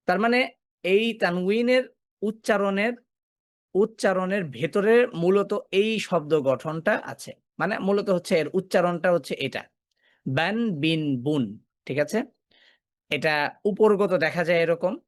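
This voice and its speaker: A man's voice: sits high, moderate pace, long pauses, no echo. A man teaching a Quran recitation class, asking his students questions, answering them himself and repeating key points. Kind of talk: classroom lesson.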